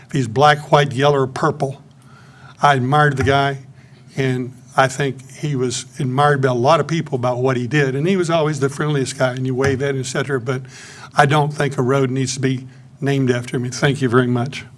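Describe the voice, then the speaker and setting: A man's voice: medium pitch, level tone, brisk. A man in his eighties with a Central Texas accent, speaking bluntly and plainly during public comment at a city council meeting, into a podium microphone. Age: 80s.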